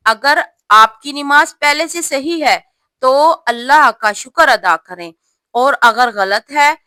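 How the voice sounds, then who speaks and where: A woman teaching correct prayer pronunciation to her sisters, explaining each mistake and drawing out the right words slowly. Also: a little high, sharp tone, no echo. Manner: slow, drawn-out demonstration of correct pronunciation. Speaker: religious teacher. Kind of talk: instructional talk on prayer pronunciation.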